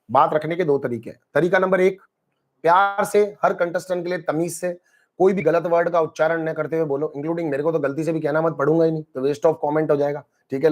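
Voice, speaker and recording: A man hosting a casual live stream, reading viewer comments and talking over a reality show while mixing in English phrases. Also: fairly high pitch. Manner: animated, mixes Hindi with English phrases, addresses chat by name.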